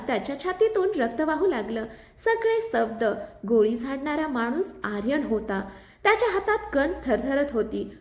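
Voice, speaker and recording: Woman narrating a thriller story, expressive, echoey room. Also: sits high. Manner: expressive and dramatic.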